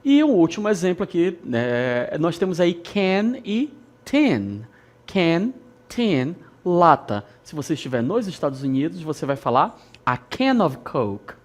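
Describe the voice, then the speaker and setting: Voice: medium pitch, big pitch swings, unhurried. An English teacher from Brazil with an Amazonas accent, giving a recorded lesson, repeating key words and checking in with "ok?" along the way. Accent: Brazilian Portuguese, Amazonas. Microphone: studio lesson recording.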